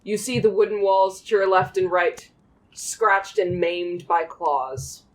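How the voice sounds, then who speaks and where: A man narrating a tabletop role-playing game as game master, in slow, descriptive second-person scene-setting. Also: high-pitched, fairly even intonation, rough recording.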